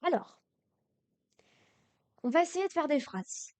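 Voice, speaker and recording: A woman's voice: high-pitched, very animated, takes it slowly, darkish tone, no room sound. A young French woman teaching Korean grammar on a live stream, explaining patiently with many hesitations and restarts, sounding tired. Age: young adult.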